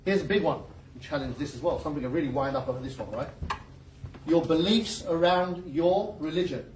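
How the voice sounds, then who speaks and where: A man with a fairly high, brisk voice gives a lively motivational seminar talk, cracking jokes and firing questions at the audience. The room is echoey and he's recorded from a distance, with a little hiss or hum.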